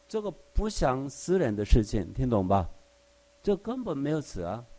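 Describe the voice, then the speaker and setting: A man's voice: mid-range voice, very animated, moderate pace, mellow. A man preaching a conversational Bible study sermon. He explains verse by verse with everyday examples and often asks his listeners rhetorical questions. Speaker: Bible teacher.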